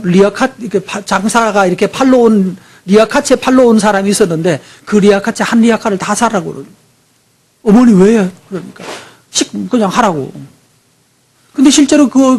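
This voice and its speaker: A man's voice: high-pitched, breathy edge. A man preaching a sermon as pastor, telling a story, acting out voices and putting questions to the congregation.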